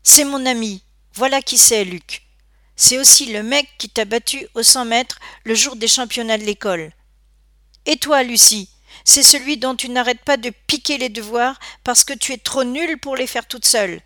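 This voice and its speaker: A woman's voice: fairly high pitch, moderate pace, sharp tone, dry recording, studio quality, pitched above the performer's own voice. A woman voicing a firm, defiant schoolgirl standing up to bullies in an audiobook. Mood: défiant.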